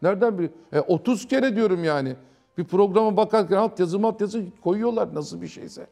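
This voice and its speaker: Male TV preacher, gravelly, higher-pitched, lively and conversational, faint music underneath. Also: brisk. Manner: animated, conversational, mimics others. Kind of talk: religious talk on TV.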